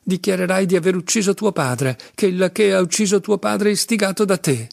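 A man voicing a tormented young man, agitated, insistent, raised pitch, gravelly, audiobook. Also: fairly quick, no room sound, studio quality. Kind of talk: audiobook reading.

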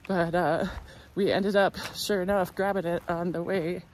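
Slightly slow and lowish, with fairly even intonation, this woman's voice carries over a little background noise. She's in her thirties, a thru-hiker filming a casual walking vlog on a forest trail, phone at arm's length. She sounds chatty and wry, breathy from the effort of hiking.

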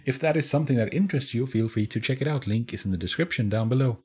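A man's voice: mid-range voice, quick pace, a little mellow, slightly rough. A man hosting a reaction video, making wry, chuckling asides. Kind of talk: casual reaction commentary.

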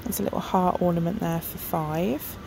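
A middle-aged shopping vlogger films the aisles of a large discount shop on a handheld phone, chatting casually and thinking aloud with lots of ums. Her voice is fairly low with vocal fry, steady in tone at a normal speed, amid noisy shop ambience.

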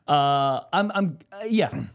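A man's voice: on the high side, animated, takes it slowly, smooth. A man in his twenties chatting casually and candidly on a podcast, speaking with emphasis. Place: small indoor podcast studio. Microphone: close handheld or boom podcast microphone.

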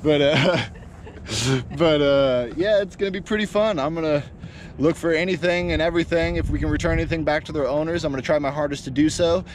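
A man's voice: on the high side, a little fast. A man in his thirties, an eager treasure-hunting diver, talking casually to his vlog audience in an upbeat way. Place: outdoors by and in a lake. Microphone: action camera, worn or at arm's length. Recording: outdoor action camera with clear background noise.

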